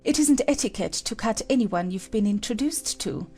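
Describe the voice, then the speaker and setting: A woman's voice: medium pitch, lively intonation, normal speed, a little mellow, breathy edge, faint music behind, voice pushed up. A woman voicing an imperious, sulky queen in a dramatized children's audiobook, giving decisive, clipped commands. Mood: bossy. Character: imperious, sulky Red Queen chess piece, haughty adult woman.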